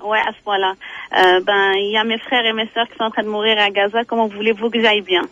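A woman calling in to a radio show by phone, speaking haltingly with frequent fillers. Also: mid-range voice, little pitch movement, a bit bright. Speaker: caller. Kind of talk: phone-in call. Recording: tinny phone line.

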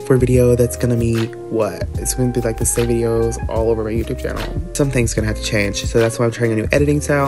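A teenage boy with a stuffy, congested nose, rambling in a casual, self-mocking voiceover from his bed. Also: mid-range voice. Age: teens. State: nasal congestion. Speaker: art vlogger. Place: bedroom, sitting in bed. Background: background music.

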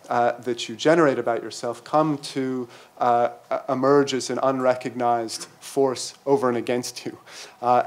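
Halting man giving an academic talk. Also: medium pitch. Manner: halting, many fillers and restarts. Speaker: conference panelist. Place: lecture hall, seated at panel table. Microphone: table mic on stand.

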